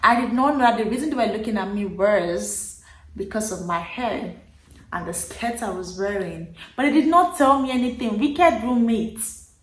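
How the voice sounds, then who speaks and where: Speaking at a normal pace in a slightly high voice, a young Nigerian woman in her twenties recounts something from her own life for her vlog. Her Nigerian-accented delivery is relaxed but lively and emphatic, with words repeated for effect, and the room echoes noticeably.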